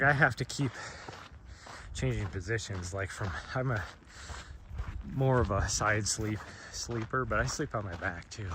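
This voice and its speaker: A man chatting casually while out on a trail, rambling with frequent laughs and a throat scratchy from smoke. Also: fairly low pitch. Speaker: trail runner vlogger. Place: outdoors on a trail. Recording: noisy outdoor recording.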